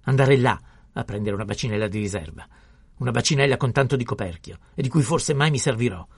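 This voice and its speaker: A man reading an audiobook, voicing an irate, pompous middle-aged village pharmacist who scolds his assistant in a loud, raised voice. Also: low voice, little pitch movement, moderate pace, gravelly, breathy edge, dry recording, exaggerated voice. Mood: furious ranting. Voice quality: shouting, scolding, indignant. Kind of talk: audiobook character voice.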